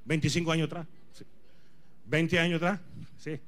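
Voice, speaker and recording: A man's voice: fairly high pitch, level tone, moderate pace. A man in his forties preaching a charismatic sermon as a pastor, speaking Spanish as a second language, emphatic and repetitive, often questioning his listeners. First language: not Spanish. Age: 40s. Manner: emphatic, repeats phrases, questions the congregation.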